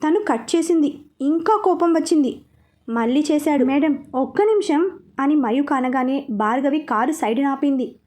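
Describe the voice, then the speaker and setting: A woman narrating a romance story in a lively storytelling way. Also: high voice, normal speed.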